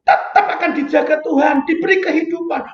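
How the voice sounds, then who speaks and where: A man preaching at an online retreat, animated and constantly asking the listeners for confirmation. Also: very high-pitched, a little fast, echoey room, dull audio. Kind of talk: sermon to an online prayer group.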